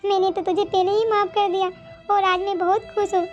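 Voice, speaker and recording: A woman voicing a meek, loving older mother-in-law in a cartoon, gentle and forgiving. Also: very high voice, level tone, fairly quick. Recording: slightly dull, music behind.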